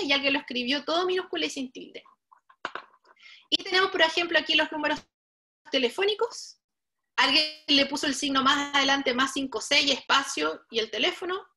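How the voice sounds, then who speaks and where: High, bright woman teaching code. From Chile. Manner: patient, explains step by step and addresses the learners directly. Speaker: workshop instructor. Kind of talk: live online coding tutorial.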